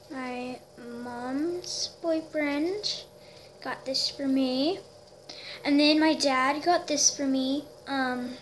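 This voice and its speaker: A high, light-voiced girl rambles through a casual show-and-tell vlog, filled with little squeals and "um"s. She talks at an easy, unhurried pace into a handheld camera at home, with faint noise underneath. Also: a bit bright. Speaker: toy horse collector vlogger.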